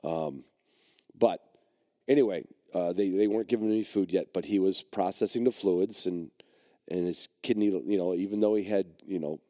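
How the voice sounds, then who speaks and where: A middle-aged podcast host who trains dogs tells a long personal story in a low, mellow voice at a moderate pace. He rambles and circles back, with plenty of fillers and restarts. The sound is dry and close, with no room sound.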